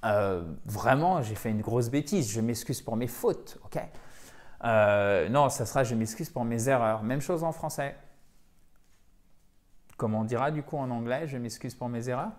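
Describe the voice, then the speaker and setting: A man teaching English pronunciation in an online lesson, emphatic and repeating words slowly to drill them. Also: medium pitch.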